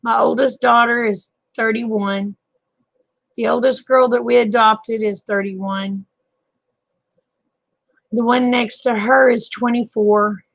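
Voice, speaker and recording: A woman's voice: fairly high pitch, fairly even intonation, takes it slowly, gravelly, long pauses, no echo, low-quality recording. A woman in her fifties, hosting a live chat stream and talking casually with viewers in a folksy, talkative way, often chuckling. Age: 50s.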